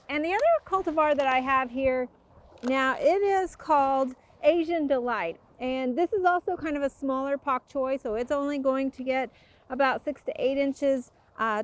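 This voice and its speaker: A woman hosts a gardening program. She explains each planting step in a friendly, patient way with small fillers. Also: high-pitched. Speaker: gardening show host. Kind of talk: instructional gardening talk and interview.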